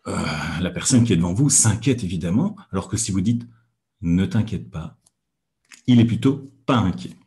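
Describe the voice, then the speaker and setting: A man hosting a weekly hypnosis lesson, talking calmly with frequent hesitant pauses and fillers. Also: fairly low pitch. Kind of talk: calm teaching talk on a livestream.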